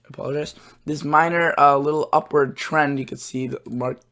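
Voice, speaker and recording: Pitched on the high side with a fairly bright tone, this man's slightly hoarse voice keeps a fairly even intonation. He hosts a weather channel, talking through forecast charts in a loose, halting manner full of filler words.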